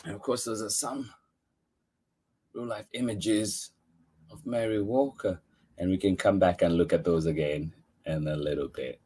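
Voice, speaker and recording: Hosting a children's online story time, an American man greets viewers effusively and keeps repeating his thanks before reading a picture book on the live stream. His low, warm voice is unhurried and fairly even, with frequent pauses and a breathy edge.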